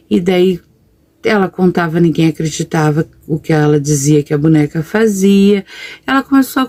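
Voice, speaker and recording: A woman's voice: lowish voice, darkish tone. A woman telling a ghost story casually, rambling and correcting herself as she goes, with frequent fillers.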